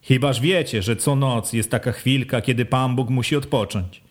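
A man voicing an old, pious wandering beggar who talks slowly and gravely. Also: mid-range voice, close to an everyday voice. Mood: warning.

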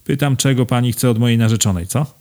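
A man's voice: mid-range voice, quick pace, a little mellow, lightly acted. A man reading aloud and voicing a blunt, grumbling man who speaks rudely. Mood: gruff. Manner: grumbling, rude. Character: gruff blunt middle-aged man.

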